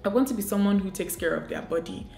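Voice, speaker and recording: A woman's voice: mid-range voice, fast talker, creaky, a little mellow, faint music behind. A woman giving motivational advice to camera, earnest and coaching, asking many rhetorical questions. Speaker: beauty and lifestyle vlogger. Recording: echoey room.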